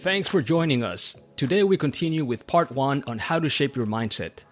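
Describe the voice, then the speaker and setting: A man hosts a podcast, reading his script in a steady, measured way. His voice sits at an ordinary middle pitch for a man. He moves calmly from his prepared remarks into questions for his guest. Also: soft background music. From Central America. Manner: measured, read-aloud delivery. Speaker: podcast host. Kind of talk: scripted podcast monologue and interview.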